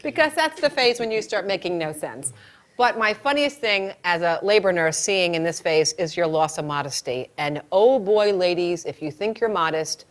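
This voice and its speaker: A middle-aged woman, a labor nurse and childbirth educator, teaching a class in a chatty, animated way and telling stories from the delivery room. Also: on the low side, normal speed. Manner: animated storytelling, acts out quotes, chatty.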